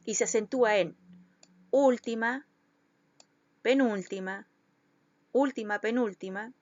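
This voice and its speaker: A woman's voice: fairly high pitch, slow pace, darkish tone, no echo, highs cut off. A woman schoolteacher, giving a recorded lesson to children and patiently stretching out syllables to show where the stress falls.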